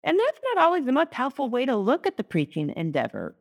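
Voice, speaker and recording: A woman's voice: high voice, huge pitch swings, fast talker, creaky. A woman co-hosting a lectionary podcast, talking in a chatty, teacherly way. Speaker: podcast co-host, Lutheran. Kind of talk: casual lectionary podcast chat.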